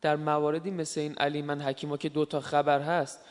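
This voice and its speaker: A man asking his teacher probing questions in class. His voice is somewhat high for a man. A long hall reverb trails his words. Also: flat delivery. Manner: inquisitive, probing.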